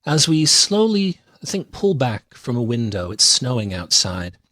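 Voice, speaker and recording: A man's voice: medium pitch, a little slow, dry recording. A man in a mid-range voice hosts a movie podcast, walking through a scene with amused energy and small laughs. The sound is dry and close to the mic. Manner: animated storyteller, recaps scenes with amused laughs. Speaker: podcast host. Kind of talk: casual film review chat.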